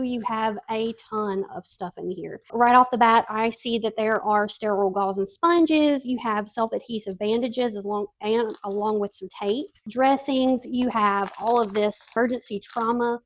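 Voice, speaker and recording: A middle-aged woman giving a casual, friendly product review in a conversational, explanatory way. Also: a little high.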